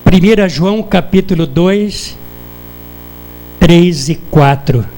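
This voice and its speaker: A man's voice: high-pitched, slow pace, darkish tone, slight background noise, rough recording. A man with a Brazilian Portuguese accent preaching a sermon in church, often putting questions to the congregation. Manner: asks the congregation rhetorical questions.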